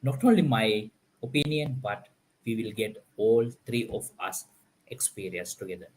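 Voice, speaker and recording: A man with a lowish, darkish voice and lively intonation hosts a live stream panel at a normal speed, and the recording is rough. He leans on fillers, repeating "like, you know," and frequently begins his sentences again.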